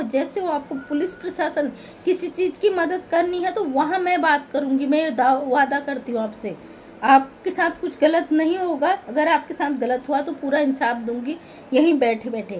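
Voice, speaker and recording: A woman's voice: high-pitched, darkish tone, slight background noise. A middle-aged woman vlogger making an earnest, preachy appeal straight to her viewers, pleading and scolding by turns. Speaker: social media vlogger. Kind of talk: earnest direct-to-camera appeal.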